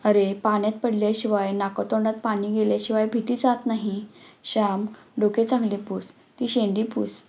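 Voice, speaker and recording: A woman's voice: medium pitch, flat delivery, normal speed, vocal fry, a little mellow, dull audio, lightly acted. Woman reading as a stern scolding mother. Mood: gentle. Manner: scolding, commanding. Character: stern angry village mother scolding son.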